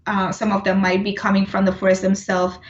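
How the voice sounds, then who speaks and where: Woman, 30s, from Puerto Rico; thoughtful guest voice, middle pitch, roomy and slightly dull. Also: completely flat delivery, fairly quick. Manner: thoughtful, many restarts and fillers. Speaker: composer, interview guest. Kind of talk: casual interview conversation.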